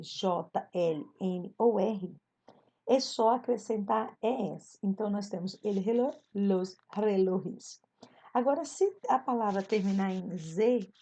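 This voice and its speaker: A woman Spanish teacher with a Brazilian Portuguese accent, giving an online class, slowly repeating examples and explaining them. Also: medium pitch, dark tone, a little hiss or hum, poor audio.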